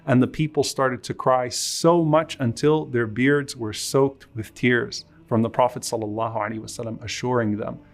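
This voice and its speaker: A man's voice: medium pitch, fairly even intonation, normal speed, few pauses. A man preaching a sermon, earnestly and emotionally retelling a story and mixing quoted Arabic into his English.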